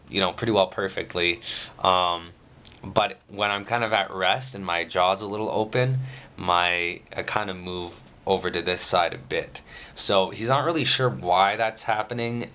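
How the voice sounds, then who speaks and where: A man's voice: deep voice, clear, resonant tone, highs cut off. A man giving a casual, rambling video diary update, speaking matter-of-factly with restricted jaw movement after jaw surgery.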